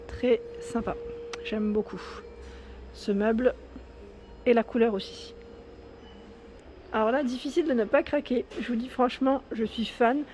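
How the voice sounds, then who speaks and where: A woman with a French accent, a shopping vlogger, walks through a large home improvement store indoors, chatting enthusiastically and reading prices and sizes aloud in a casual walkthrough. Her fairly high, slightly mellow voice holds a steady tone at a slightly slow pace with long pauses, and there's a little hiss or hum.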